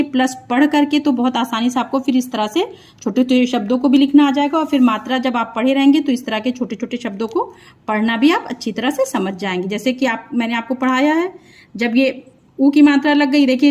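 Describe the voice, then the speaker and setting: A woman teaching young children to read, sounding out each syllable and repeating words slowly, with questions to the viewer. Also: sits high, a little mellow. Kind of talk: slow children's phonics lesson.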